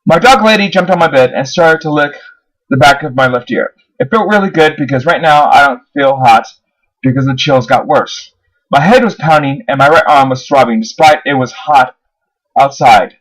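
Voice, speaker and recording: A man's voice: mid-range voice, normal speed, fairly bright tone, poor audio. A man reading his own first-person horror story aloud, his voice rising on the dramatic moments. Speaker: narrator.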